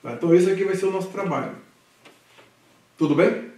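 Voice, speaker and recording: A man's voice: sits high, lively intonation, fairly quick, darkish tone. A Brazilian man teaching a Hebrew literacy class, patiently drilling syllables aloud and checking in with his students. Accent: Brazilian Portuguese. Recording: echoey room recorded from a distance.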